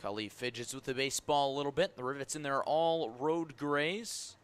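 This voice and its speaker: An American man calls live baseball play-by-play on the radio, his medium-pitched voice smooth, a bit bright, and at normal speed. It's a live broadcast, so ballpark ambience and background noise come through.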